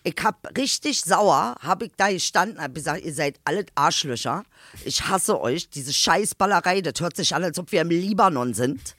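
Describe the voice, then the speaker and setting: A man co-hosting a podcast in casual banter, prone to loud mock-outraged outbursts. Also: a little high, expressive, moderate pace, no room sound, studio quality. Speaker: podcast co-host.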